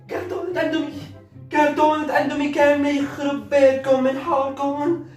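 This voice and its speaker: A man voicing a bossy, scolding middle-aged mother in a comedy sketch, ranting fast at her kids. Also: very high-pitched, little pitch movement, a little mellow. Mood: triumphant, scolding. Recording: roomy echo, faint background music.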